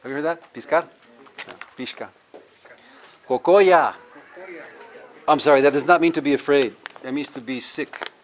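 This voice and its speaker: A man's voice: fairly high pitch, moderate pace, a little hiss or hum. An older man from California, a university professor giving a lecture, drilling word pronunciations and quizzing his audience. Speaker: university professor teaching Nahuatl. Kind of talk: classroom lecture with audience questions. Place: cultural center lecture room.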